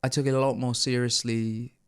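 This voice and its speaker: A man's voice: mid-range voice, little pitch movement, brisk, clear, resonant tone, no echo, studio quality. A man co-hosting a podcast in casual chat, hesitant with lots of fillers and a sarcastic edge. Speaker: podcast co-host.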